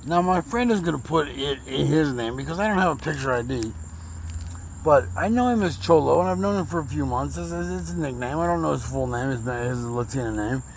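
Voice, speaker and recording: Man, slurred speech after a stroke, gravelly voice, rambling storyteller, faint crickets outdoors. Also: fairly high pitch, lively intonation, brisk, slight background noise, poor audio. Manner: rambling, repeats words, emotional. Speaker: vlogger telling his story. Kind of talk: casual personal storytelling.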